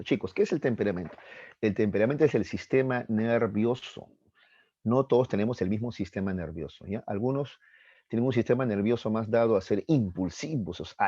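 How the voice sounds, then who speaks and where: Animated male psychology teacher. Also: no room sound. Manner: animated, acts out voices and questions with rising pitch. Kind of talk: classroom lecture to teenagers. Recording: dull, dry lo-fi recording.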